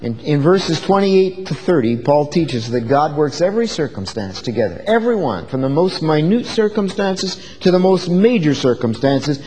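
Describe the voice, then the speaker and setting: A man's voice: fairly high pitch, sing-song, normal speed, few pauses, a little mellow, in a large hall, slight background noise, low-quality recording. A man preaching an earnest, conversational sermon, full of rhetorical questions. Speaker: pastor.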